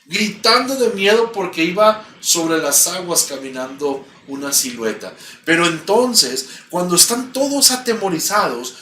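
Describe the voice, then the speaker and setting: A Mexican man preaches in a high, bright voice, repeating key phrases for emphasis at an unhurried pace. He is heard from some distance in a reverberant church, with a faint hum behind him. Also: very animated. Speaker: pastor. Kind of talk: sermon. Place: church sanctuary.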